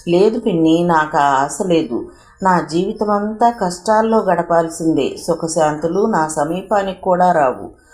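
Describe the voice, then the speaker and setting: A sad, shy young mother speaks softly with a slight tremble, as a woman reads her lines in a storybook reading. Her voice sits a little low, and the room around it rings with echo. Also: measured pace, lightly acted. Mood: sorrowful. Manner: soft, trembling, plaintive. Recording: roomy echo.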